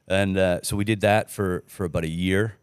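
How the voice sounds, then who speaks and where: Deep-voiced guy on a podcast, cussing and laughing through his stories, dry sound. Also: fairly even intonation, normal speed, smooth, dry recording. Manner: profane, laughing, rambling anecdotes. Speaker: podcast host. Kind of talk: casual storytelling chat.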